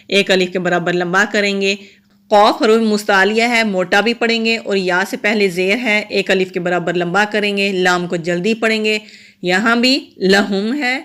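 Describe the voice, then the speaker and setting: A woman's voice: medium pitch, a bit bright, smooth. A woman, a Quran recitation teacher going patiently through each letter and rule step by step. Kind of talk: step-by-step tajweed lesson.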